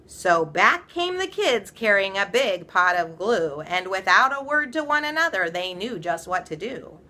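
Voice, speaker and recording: A woman reading a children's story aloud, with playful, theatrical emphasis and drawn-out words. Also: medium pitch, very animated, pushed and bright. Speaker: storybook reader. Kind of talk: animated children's read-aloud.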